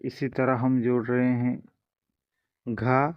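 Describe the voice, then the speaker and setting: A man's voice: medium pitch, level tone, slow, smooth, no room sound, highs cut off. A man teaching a language lesson, explaining each step patiently and drawing out the example sounds.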